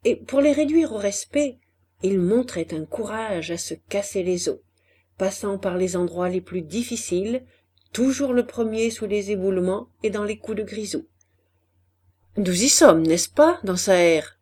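A woman reading a classic novel aloud as an audiobook narrator, in a measured, deliberate way. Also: medium pitch, warm tone. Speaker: audiobook reader. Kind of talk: scripted literary narration.

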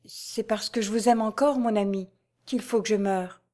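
A resigned, sorrowful young woman from an audiobook, voiced by a woman reader. She speaks softly and mournfully, sometimes rising in fear. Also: medium pitch, fairly even intonation, moderate pace, natural voice. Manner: soft, mournful. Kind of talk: audiobook character voice.

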